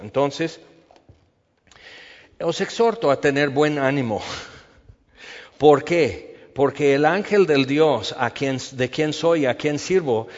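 Predicador en un salón con eco. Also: male voice, mid-range voice. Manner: animated, acts out quoted voices, rhetorical questions. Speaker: preacher. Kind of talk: sermon. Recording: lo-fi echoey hall.

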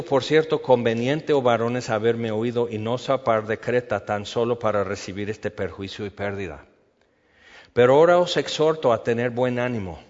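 Predicador en un salón con eco. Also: male voice, medium pitch. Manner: animated, acts out quoted voices, rhetorical questions. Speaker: preacher. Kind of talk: sermon. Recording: lo-fi echoey hall.

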